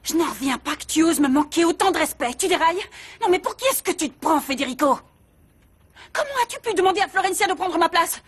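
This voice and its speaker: A woman's voice: very high-pitched, lively intonation, quick pace. An actress dubbing a proud, dramatic young pregnant woman in a French telenovela dub, speaking haughtily and indignantly.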